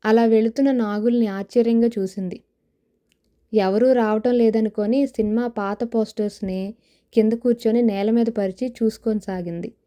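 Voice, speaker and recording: Woman narrating with a very dark tone. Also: on the high side, fairly even intonation, normal speed. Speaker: audio novel narrator. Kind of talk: scripted narration of a novel.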